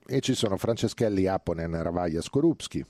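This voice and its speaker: A man with a low, dark voice hosts a casual sports talk show on the radio, rambling and filling pauses as he goes. The sound is dry and close, with no room around it. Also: lively intonation, dry recording. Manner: chatty, digressive, frequent hesitations and fillers. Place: radio studio.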